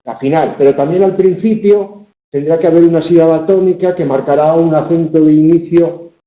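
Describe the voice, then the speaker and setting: A university lecturer explains patiently, often checking that students follow. His voice is dark and mellow, a touch higher than most men, and he sounds tired. The recording is roomy and a little dull. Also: steady tone, moderate pace. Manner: explanatory, frequent checks like ¿de acuerdo? and ¿vale?.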